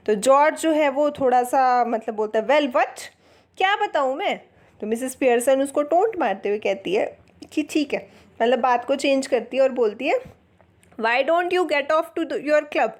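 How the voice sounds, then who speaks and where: High-voiced woman explaining a text. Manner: reads English lines slowly, then explains in Hindi. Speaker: English teacher. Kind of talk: line-by-line lesson explanation.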